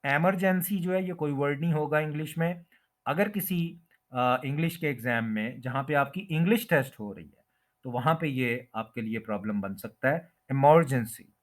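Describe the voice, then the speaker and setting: Man teaching English pronunciation, drawn-out repetitions. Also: fairly high pitch. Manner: repeats each word slowly, drawing out the stressed syllable. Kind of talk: pronunciation lesson explained in Hindi-Urdu.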